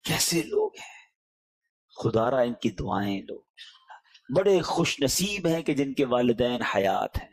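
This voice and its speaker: A male preacher with a Pakistani Urdu accent giving an emotional sermon, pleading with listeners and swinging between loud appeals and hushed words. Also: medium pitch, animated.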